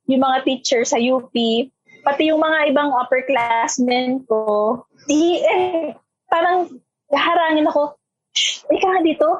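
A young Filipino woman from Metro Manila tells stories in an animated, feisty way, jumping between two languages and acting out the people she quotes. Her voice sits high and swings widely, and the recording sounds close, dry and a little muffled. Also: dry recording. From Metro Manila, Philippines. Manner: animated, switching between Tagalog and English, acts out quoted voices; feisty, talkative. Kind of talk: casual storytelling chat.

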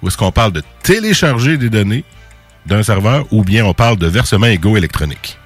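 A Québécois man runs a quiz on a casual radio show, his lowish voice leaping up and down as he teases the players. Soft music runs underneath. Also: brisk, breathy edge. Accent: Québécois French. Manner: playful, animated quizmaster.

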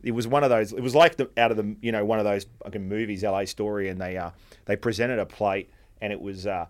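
A man's voice: on the low side, steady tone, fast. A man with an Australian accent hosting a podcast interview, blunt and jokey, swearing freely. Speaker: podcast host. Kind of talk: casual interview chat.

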